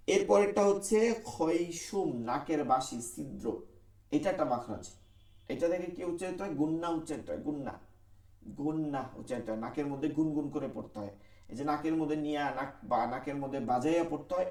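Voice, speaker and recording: Give me a man teaching tajweed who repeats every point, with a slightly high voice and a mic set far off. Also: darkish tone, echoey room. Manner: repetitive, drills terms, has class recite along. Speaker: Quran teacher. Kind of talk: online tajweed lesson.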